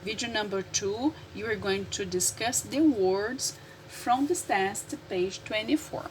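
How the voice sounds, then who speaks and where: A woman teacher with a Brazilian Portuguese accent, a native Portuguese speaker, explaining English words slowly and repeating them for her learners. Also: medium pitch, slight background noise, low-quality recording. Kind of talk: classroom lesson explaining vocabulary.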